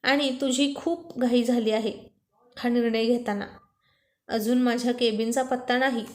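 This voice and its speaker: A woman voicing a quick-tempered young wife who scolds her husband. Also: fairly high pitch, steady tone, natural voice. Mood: accusing. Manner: indignant, scolding.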